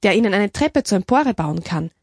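A woman's voice: medium pitch, expressive, brisk, husky, dry recording, clean studio sound. Woman doing a polite old craftsman. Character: old grey-haired man, friendly craftsman.

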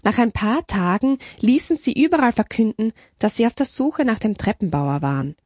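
Expressive woman reading a storybook. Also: a little high, normal speed, no echo, clean studio sound.

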